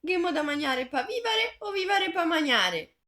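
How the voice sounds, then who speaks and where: High, bright woman speaking Venetian dialect. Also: big pitch swings, moderate pace. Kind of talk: comic dub in Venetian dialect.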